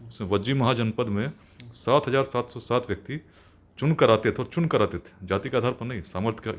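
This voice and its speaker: A man's voice: mid-range voice, fairly quick. A man from Bihar, a police officer, answering interview questions in an earnest, formal, speechlike way. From India, Bihar.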